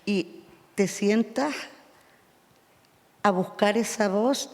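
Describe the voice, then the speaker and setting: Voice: mid-range voice, drawn-out words, darkish tone. Stammering interviewer in an echoing hall. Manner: stammering repetitions while forming questions. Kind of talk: live interview questions.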